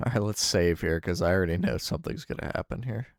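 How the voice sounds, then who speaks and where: A man's voice: sits low, fast talker, a little hiss or hum. A man giving casual commentary as he plays through a video game.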